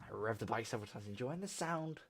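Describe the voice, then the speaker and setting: A man hosting a let's play, reading a visual novel aloud in an animated way. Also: medium pitch, fast, a little hiss or hum. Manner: animated reading, laughs and shouts at tense moments.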